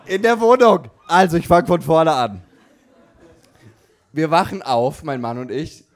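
A man performing a live stand-up routine with a voice pitched a little high for a man. He rambles through his story with constant fillers and restarts, chats directly with the audience, and breaks into loud shouts when a punchline lands. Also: unhurried. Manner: banters with the audience. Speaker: stand-up comedian.

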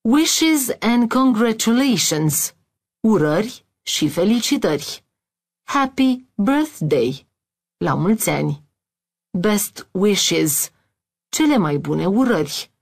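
A woman reading a scripted audio language lesson, saying each English word slowly and deliberately and then its translation. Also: medium pitch. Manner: reads English words then Romanian translations. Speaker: language teacher.

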